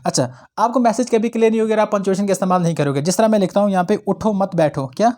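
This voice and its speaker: High-voiced young man teaching grammar. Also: very fast, mellow. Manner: explains in Hindi-English mix, repeats "ठीक है ना". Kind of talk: online grammar lesson.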